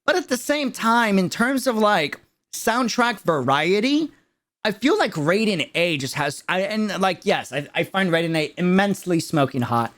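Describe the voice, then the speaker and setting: A streamer reacting to a game video, this man has a high-sitting, slightly bright voice that's very animated at a normal speed. He chats with viewers in casual, emphatic commentary, using slang and repeating words for stress.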